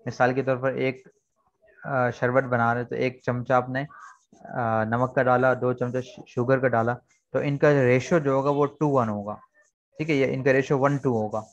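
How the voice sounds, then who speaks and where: A man's voice: medium pitch, fairly even intonation, unhurried, dull audio. A man teaching an online English lesson, explaining words patiently and repeating key points. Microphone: video call.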